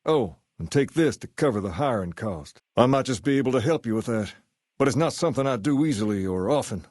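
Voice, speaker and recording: A man's voice: mid-range voice, expressive, darkish tone, no echo, clean studio sound, natural voice. Man voicing The King, folksy, self-assured gang boss. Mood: easy, matter-of-fact. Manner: folksy, colloquial, measured delivery. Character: easygoing, self-assured gang leader styled as a rock-and-roll king. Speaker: video game voice actor. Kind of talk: scripted game character dialogue.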